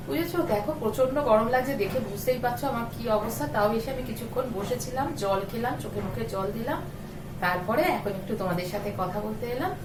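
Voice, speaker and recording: A middle-aged woman with a hoarse, coughing voice, chatting straight to her viewers in a casual daily vlog. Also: a little high, fast, background noise. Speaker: vlogger.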